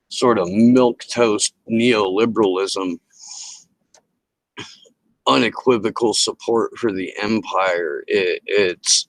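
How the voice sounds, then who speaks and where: Over close headset-style audio, a livestream talk show host with a low voice delivers a casual political rant to a live chat, emphatic and heavily profane. The recording is rough and has no room sound.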